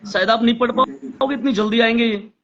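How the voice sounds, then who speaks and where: Male live-stream host, high voice, casual and chatty, lo-fi phone audio. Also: steady tone, a little fast, vocal fry, fairly bright tone. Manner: chatty, addresses viewers directly.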